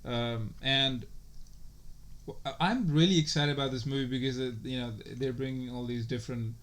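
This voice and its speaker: A man co-hosting a podcast in loose, casual chat. He rambles and circles back on himself, leaning on "like" and "you know" and swearing freely. His voice sits at an ordinary middle pitch. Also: moderate pace, fairly bright tone. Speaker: podcast co-host.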